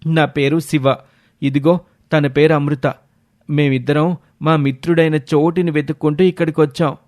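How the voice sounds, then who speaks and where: A man voicing a brave, loyal young man in an animated storybook, calling out urgently and speaking with determination. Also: on the high side, normal speed, no echo, studio quality, lightly acted. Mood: resolute.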